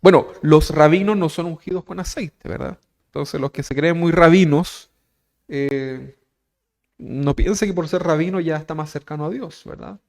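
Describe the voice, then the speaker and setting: This pastor's voice sits a little high, with vocal fry and a moderate pace, and his accent is Chilean Spanish. Preaching a teaching sermon in a chatty way, he often says "¿verdad?" and questions his listeners directly.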